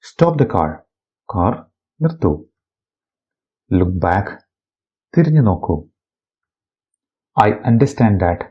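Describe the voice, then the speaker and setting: An English teacher from Kerala, India, reads practice sentences aloud for a bilingual, phrase-by-phrase lesson. His fairly low, husky voice rises and falls a great deal, and he delivers each line very slowly and deliberately. The recording sounds dull and lo-fi.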